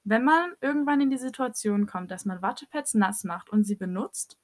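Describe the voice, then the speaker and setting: A young woman co-hosting a podcast, telling stories in lively, joking casual chat. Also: a little high, moderate pace. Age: young adult. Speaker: podcast co-host.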